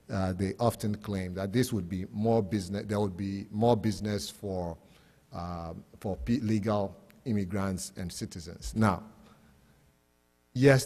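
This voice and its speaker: In an echoey hall with long reverb, a Ghanaian-accented man from Ghana presents on a panel as an academic speaker. He is explanatory and plain-spoken, asking rhetorical questions, in a lowish, slightly mellow voice.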